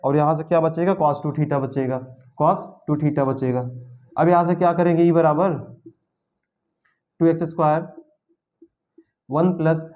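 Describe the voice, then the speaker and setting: A man's voice: on the high side, darkish tone, lo-fi sound. Man teaching physics at a board. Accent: Hindi-speaking North India. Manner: repeats steps and asks students questions as he writes. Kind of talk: blackboard physics lesson.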